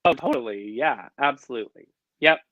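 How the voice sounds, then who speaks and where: A man co-hosting a casual review chat, effusive and animated, on a video call mic. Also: medium pitch, fairly quick, dry recording. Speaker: co-host. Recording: dull lo-fi dry sound.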